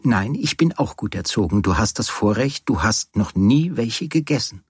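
A man's voice: lowish voice, animated, normal speed, breathy edge, dry recording, studio quality. A man voicing a playful, bossy young woman in an audiobook reading, with a teasing, insistent manner.

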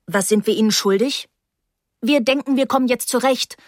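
A woman reading a calm sensible young man. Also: fairly high pitch, moderate pace, dry recording, studio quality, voice pushed up, lightly acted. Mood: practical.

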